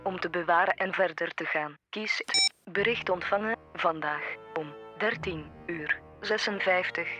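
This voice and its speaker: An automated voicemail voice, spoken by a woman, slightly low and formal, reading out its prompts in a flat, even way. Music plays behind it. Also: unhurried, natural voice. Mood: neutral.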